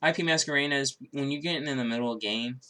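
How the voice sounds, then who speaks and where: A man with a slight cold, stuffy-nosed and sore-throated, rambles quickly through a card game deck, full of fillers and frequent restarts. His voice is mid-range, and there's noise in the background.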